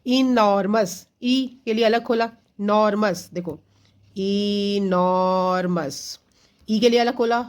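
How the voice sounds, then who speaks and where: A woman's voice: medium pitch, a little mellow. A woman teacher giving an exam-prep grammar lesson to children, explaining patiently step by step in Hindi mixed with English, often asking a question and then answering it herself.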